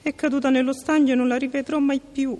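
Woman doing a shrill spoiled princess. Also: level tone, fast, warm tone, big-room sound, lightly acted. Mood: tearful. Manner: shrill, exclaiming. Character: spoiled young princess, petulant and bossy.

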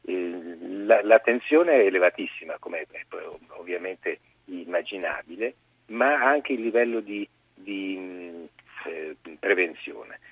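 A low-voiced man calls in by phone as a guest journalist, his tone measured and explanatory. The voice is husky and comes through a dry, tinny phone line. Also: dry recording. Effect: heard over the phone. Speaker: magazine deputy editor, guest journalist. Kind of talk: phone-in news briefing.

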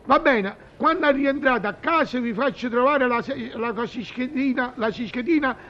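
A man's voice: very high-pitched, moderate pace. A man playing a naive, bumbling male servant who stammers and mangles words, in a vintage television comedy sketch. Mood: eager. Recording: dull lo-fi old TV audio.

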